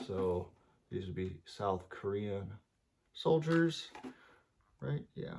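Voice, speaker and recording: A man giving casual, enthusiastic unboxing commentary as a toy collector, rambling a little with fillers and sounding slightly out of breath. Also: fairly low pitch. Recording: clear background noise.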